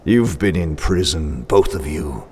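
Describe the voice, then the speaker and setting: An actor playing a menacing, commanding invisible avenger in a 1940s-style radio drama, theatrical and ominous. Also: male voice, a bass voice, expressive, unhurried, darkish tone, a little hiss or hum, exaggerated voice.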